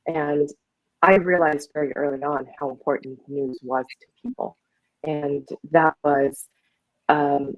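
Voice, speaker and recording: A woman in her forties from Afghanistan, a journalist, speaking reflectively with pauses on a panel. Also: low voice, a little mellow, no room sound, poor audio. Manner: reflective, with many fillers and pauses. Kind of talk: panel discussion.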